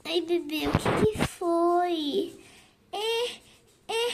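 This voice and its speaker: A woman's voice: very high voice, drawn-out words, heavy background noise, heavily acted. A young woman voicing a tired mother on a flight with a crying baby, sighing and weary. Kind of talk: game role-play voiced over.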